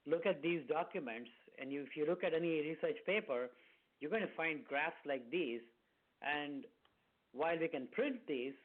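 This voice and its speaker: A man giving a technical presentation over a video call, explaining slides to listeners. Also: on the high side. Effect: heard over a video call. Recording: tinny phone-like call audio.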